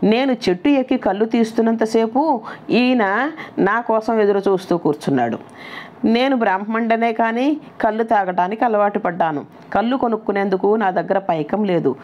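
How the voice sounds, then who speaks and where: A woman's voice: medium pitch, moderate pace, darkish tone, lightly acted. A woman voicing a man who sells toddy, cunning and pleading, in a devotional story reading. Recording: dull lo-fi recording.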